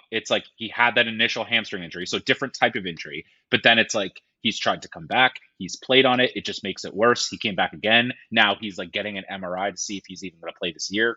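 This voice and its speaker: A man co-hosting a sports podcast, talking in a profane, jokey, animated way. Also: lowish voice, breathy edge, no echo, highs cut off. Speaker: podcast co-host. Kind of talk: casual sports chat.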